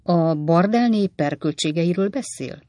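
Pickwick, a reader doing a kindly old gentleman. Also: medium pitch, lively intonation, no room sound, studio quality, natural voice. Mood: exclaiming. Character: kindly older gentleman, easily surprised.

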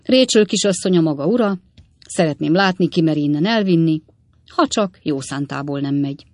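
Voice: mid-range voice, animated, a little mellow, no room sound, close to an everyday voice. A brash, defiant rogue, read by an audiobook narrator snaps back in short, curt phrases. His delivery is dry and close. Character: brash, defiant adventurer man.

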